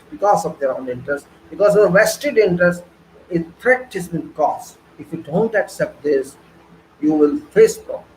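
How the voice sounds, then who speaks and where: A man's voice: high-pitched, roomy sound, a little hiss or hum, low-quality recording. A man giving an online engineering lecture, preaching emphatically with rhetorical questions and repeated phrases.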